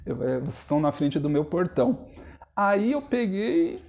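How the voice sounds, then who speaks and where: A man's voice: sits high, sing-song, moderate pace, gravelly, darkish tone. A young adult man, preaching and telling a personal testimony to his congregation in an earnest, storytelling way. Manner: earnest storytelling, addresses listeners as brothers. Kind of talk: sermon testimony.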